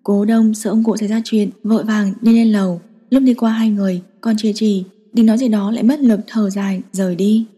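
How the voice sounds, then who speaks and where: Dark, husky woman narrating a story. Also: mid-range voice, steady tone, fairly quick, few pauses. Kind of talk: audiobook narration. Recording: long reverberant echo.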